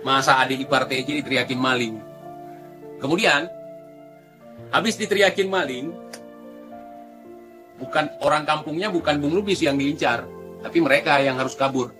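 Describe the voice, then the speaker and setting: A man delivers taunting commentary in a sharp, bright voice that sits a little above the usual male range. He sounds scornful and jeering, speaking straight to the people he criticizes. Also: fairly high pitch, normal speed, long pauses, soft background music. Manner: scornful, taunting, addresses listeners directly. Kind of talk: mocking commentary.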